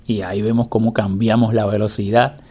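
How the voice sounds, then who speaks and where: A man's voice: on the low side, little pitch movement, fairly quick, darkish tone, breathy edge. A man instructing in a screen reader tutorial, explaining patiently and repeating the key steps. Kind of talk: spoken step-by-step tutorial.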